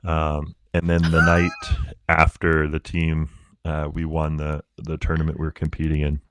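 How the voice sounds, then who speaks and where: Very deep-voiced man telling stories. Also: monotone, moderate pace, fairly bright tone, clean tone, no echo. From Canada. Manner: laid-back storyteller, many fillers. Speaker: podcast guest, Paralympic athlete. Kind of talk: casual interview chat.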